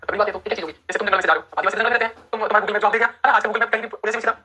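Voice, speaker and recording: A woman teacher races through an exam-prep lecture in a bright, husky voice. She keeps quizzing her students, repeats each term several times and asks "right?" again and again. Her pitch sits a little high. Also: steady tone, very fast. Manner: repetitive, quizzing, addresses students as friends.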